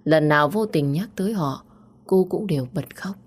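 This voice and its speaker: A woman reads a romance story aloud in a low voice. Her narration is even and steady. It follows the scenes without much push. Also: normal speed. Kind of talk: scripted audiobook narration.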